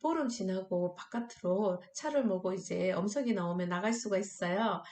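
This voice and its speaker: A middle-aged woman teaches an online anti-smoking class for high school students, an online classroom lecture with group exercises. She upbeatly coaxes the students along, leading shouted chants and clapping games. She speaks at a moderate pace and the sound is reverberant.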